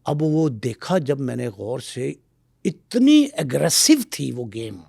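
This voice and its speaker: A middle-aged man speaking as a guest on a talk show, telling stories in a lively way and acting out the voices he quotes. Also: mid-range voice, vocal fry, breathy edge, dry recording, studio quality. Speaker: guest expert. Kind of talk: animated talk-show storytelling.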